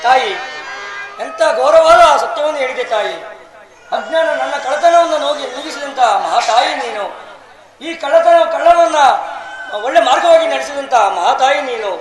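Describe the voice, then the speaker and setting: A man playing a reformed thief and elder brother, with a Kannada accent and loud, emotional stage declamation. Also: very high-pitched, moderate pace. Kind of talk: village stage drama. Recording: echoey stage with crowd.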